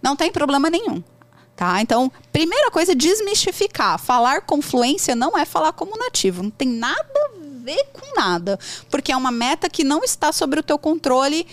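A woman's voice: high voice, brisk, dry recording. A Brazilian woman with a Brazilian accent, telling stories and giving advice on learning English in an emphatic, repetitive way. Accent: Brazilian Portuguese. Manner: animated storytelling with emphatic repetitions. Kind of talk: casual conversational advice.

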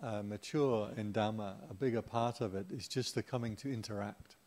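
A man's voice: on the low side, moderate pace, darkish tone. A middle-aged man giving an informal Dharma talk as a Buddhist teacher, chatty and humorous, with playful asides to the audience.

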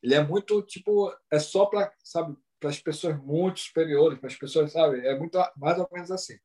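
A Brazilian man with a slightly high voice chats casually. He talks animatedly and keeps checking in with "sabe?" and "entendeu?". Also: moderate pace, dark tone. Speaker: Brazilian living in Japan, talking about the language. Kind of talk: casual chat.

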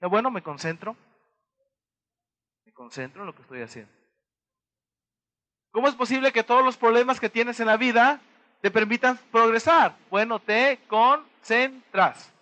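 A Mexican-accented man delivers a motivational talk in a high, bright voice. He keeps turning to his listeners with quick rhetorical questions and acts out small dialogues as he goes. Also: expressive. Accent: Mexican Spanish. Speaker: motivational speaker.

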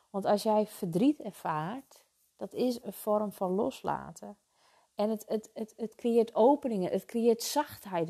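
Soft-spoken woman in her 30s, mellow warm voice, chatty reflective talk, lots of little restarts. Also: medium pitch. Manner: gentle and soothing, with frequent "hè" tags and restarts. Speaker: emotional wellbeing speaker.

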